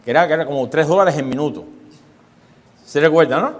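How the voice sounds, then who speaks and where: A male pastor delivers an emphatic sermon in a slightly high voice, repeating key phrases and throwing rhetorical questions to his listeners. His words ring out with the long reverb of a church hall. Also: a little fast.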